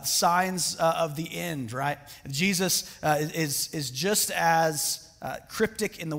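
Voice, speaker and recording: A man's voice: fairly high pitch, a bit bright. A man preaching a sermon in a casual, conversational way, often restarting his sentences with fillers. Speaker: pastor. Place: church sanctuary. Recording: reverberant church hall.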